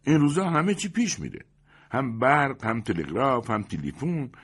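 A man voicing a brash, nosy male best man at a wedding, loud and mocking. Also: mid-range voice, sing-song, slightly rough, voice pushed up. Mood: chatty.

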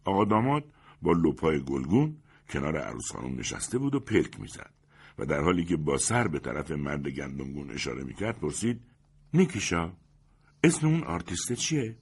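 Deep, husky male storyteller. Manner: expressive, switching voices for characters. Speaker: narrator. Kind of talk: storybook reading.

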